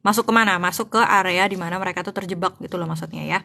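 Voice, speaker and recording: A woman's voice: lowish voice, very fast, gravelly, sharp tone. A woman reading a novel aloud in English and translating it line by line into Indonesian. She talks casually, thinks aloud and searches for words, and mixes both languages freely. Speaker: online English-to-Indonesian tutor.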